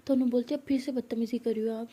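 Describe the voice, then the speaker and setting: A woman narrating a romantic story and voicing its characters in a soft, partly whispered manner. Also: fairly high pitch, fairly even intonation, quick pace, husky.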